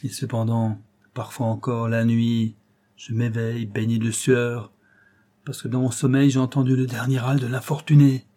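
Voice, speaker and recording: A man's voice: mid-range voice, level tone, moderate pace, dark tone, natural voice. A man reading an audiobook, voicing an enraged, guilt-torn aristocratic count who speaks with vehement, bitter anguish. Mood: anguished confession.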